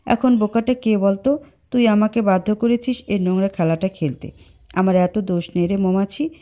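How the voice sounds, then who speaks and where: A woman reads a possessive young man, quiet and brooding, storybook role. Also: medium pitch, steady tone, normal speed, natural voice.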